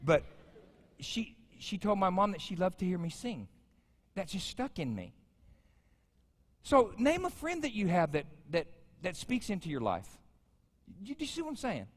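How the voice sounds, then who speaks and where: A man in his fifties delivering a sermon, chatting and joking with his congregation. His voice sits a little high and swoops animatedly up and down. The sound carries a long reverb from a large church sanctuary. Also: huge pitch swings, normal speed, pauses often. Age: 50s. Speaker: pastor.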